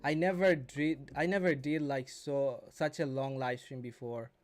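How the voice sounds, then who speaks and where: Over soft background music, a man in his twenties runs a relaxed live stream where he mentors viewers in day trading, chatting and teaching while repeating and rewording ideas. His mid-range voice keeps fairly even intonation at a measured pace.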